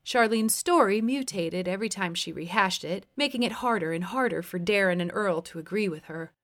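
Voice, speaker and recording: A woman's voice: medium pitch, lively intonation, fairly quick, a bit bright. A woman reading her own memoir aloud as an audiobook, wry and blunt. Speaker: memoir narrator.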